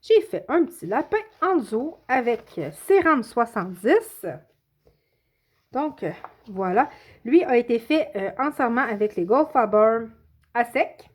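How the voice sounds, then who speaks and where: Hesitant Québécoise woman, slightly high voice. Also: lively intonation, a little slow, darkish tone. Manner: hesitant, many filler sounds and self-corrections. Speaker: coloring channel host. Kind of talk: casual show-and-tell of finished coloring pages.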